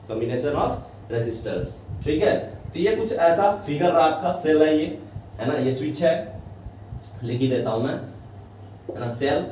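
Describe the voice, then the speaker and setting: Male teacher, slightly high and mellow, lecturing step by step, echoey room, mic far off. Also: a little hiss or hum. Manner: explains step by step, keeps asking "है ना?". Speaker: physics teacher. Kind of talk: classroom lecture.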